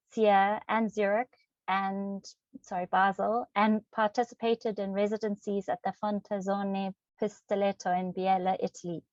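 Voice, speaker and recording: Through dry, dull lo-fi video-call audio with no echo, a webinar host with a mid-range, slightly mellow voice reads speaker introductions. She fills them with frequent ums and self-corrections.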